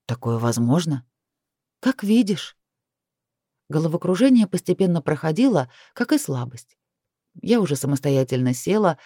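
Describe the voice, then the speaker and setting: A woman narrating a fantasy story in the first person, measured and even. Her voice is mellow and warm. The recording is dry and close. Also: sits low, no room sound. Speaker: audiobook reader.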